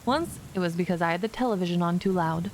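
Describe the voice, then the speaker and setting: Low-voiced woman narrating a spooky story. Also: quick pace, a little hiss or hum. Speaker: storyteller, streamer reading a short story. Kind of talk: scripted narration of a spooky first-person story.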